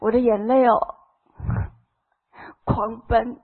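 Husky middle-aged woman with a Taiwanese accent. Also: on the high side, level tone, takes it slowly. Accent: Taiwanese Mandarin. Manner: emotional storytelling, acting out quoted dialogue. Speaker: church member giving testimony. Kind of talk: personal testimony to a congregation. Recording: tinny phone-like sound.

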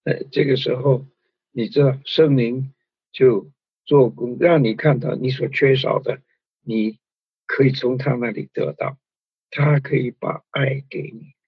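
Brief: male preacher, very breathy husky voice, chatty sermon delivery, dull lo-fi recording. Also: medium pitch, fairly even intonation, a little slow, no room sound. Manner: conversational preaching with frequent fillers and tag particles.

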